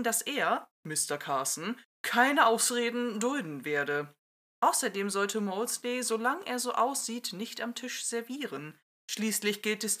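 A woman's voice: medium pitch, bright, forceful tone. A woman co-hosting a podcast, reading a listener-written story aloud with light character voices, then chatting casually.

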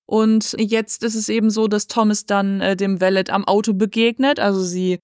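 A woman casually retelling the scenes of a drama series in an animated way, quoting what the characters say. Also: mid-range voice, normal speed, clean tone, dry recording, studio quality. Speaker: podcast co-host recapping a drama series. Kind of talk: casual chat.

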